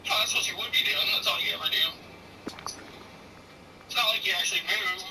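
A woman's voice: on the low side, moderate pace, gravelly, distant mic, background noise. A woman in her forties chatting casually while streaming a game, blunt and profane and teasing, turning preachy when she talks about faith. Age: 40s. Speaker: gaming streamer.

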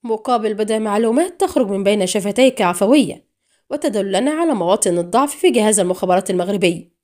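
Cruel scheming female spy, cold menace, sharp anger, animated pitch, read by a woman narrator, audiobook. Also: fast talker, lightly acted. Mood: harsh angry. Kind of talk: audiobook reading.

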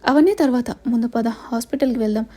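A woman voices a cocky young man who teases his enemy with easy confidence. The tone stays mellow and a touch high, in a storybook drama reading. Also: quick pace, natural voice. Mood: confident. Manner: mocking, confident. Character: bold, teasing young male rescuer.

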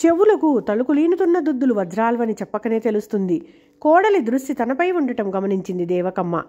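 Woman reading a novel aloud, slightly high. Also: big pitch swings, a little fast, warm tone. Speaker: audiobook reader. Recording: dull lo-fi recording.

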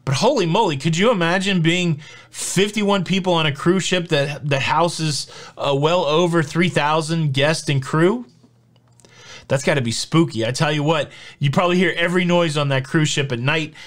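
Speaking at a moderate pace with a fairly high, fairly bright voice, this forty-something man hosts a laid-back news vlog. He's chatty, upbeat, and jokey, using lots of fillers, in a home studio full of collectible-lined shelves.

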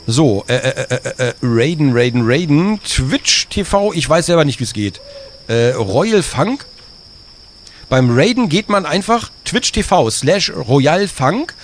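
A man's voice: on the high side, lively intonation, a little slow, slight background noise. A man streaming live, joking with his chat in a playful, teasing way.

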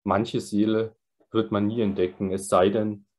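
A man voicing a calm old sage who speaks in a grave, measured teaching tone. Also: fairly low pitch.

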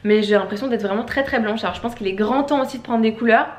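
A young beauty vlogger talks fast in a casual chat at home, rambling along with lots of fillers in a voice that's a little high. The indoor room gives off an echo.

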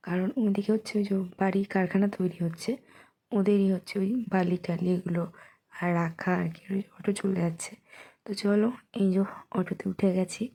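Hoarse young woman vlogging. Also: on the low side, warm tone. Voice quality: rough, cracking voice. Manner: halting, stumbling over words. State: hoarse, voice gone rough. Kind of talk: casual daily vlog talk.

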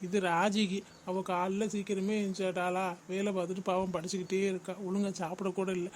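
A doting young cartoon husband, as a man puts him on, soft-spoken and fond, in a high, even voice. He talks quickly and lightly, like a comic son caught between mother and wife. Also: slight background noise, close to an everyday voice. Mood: dismissive. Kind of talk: cartoon comedy voice acting.

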